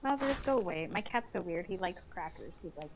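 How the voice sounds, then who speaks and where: A woman's voice: fairly low pitch, animated, a little fast, background noise. A woman chatting and teasing friends casually over an online voice call during a game. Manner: giggly, teasing. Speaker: gamer. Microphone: online voice chat.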